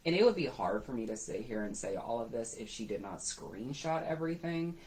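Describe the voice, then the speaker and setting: A woman's voice: a bass voice, brisk, low-quality recording. A woman hosting a talk, telling her story in a candid, conversational way and quoting others as she goes. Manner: animated, quotes others in passing. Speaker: host and business owner.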